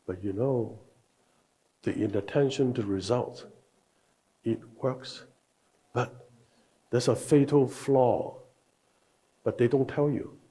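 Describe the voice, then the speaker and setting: Older guy w/ teaching a leadership workshop, slow and emphatic, mellow voice. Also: mid-range voice, husky. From Hong Kong. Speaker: workshop speaker.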